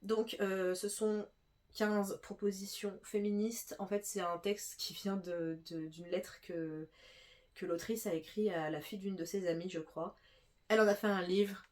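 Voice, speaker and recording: A woman's voice: mid-range voice, fairly even intonation, a little slow, darkish tone. Chatty young woman with a stuffy nose. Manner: chatty, many fillers and restarts. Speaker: booktuber. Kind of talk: casual book haul chat.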